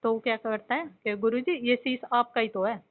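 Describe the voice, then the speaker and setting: A woman argues a point of faith with pressing insistence, over and over demanding to be heard. Her voice sits somewhat high. The sound is thin and phone-like. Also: normal speed. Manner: insistent, keeps cutting in with "listen". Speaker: devotee raising doubts. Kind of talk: argumentative religious debate.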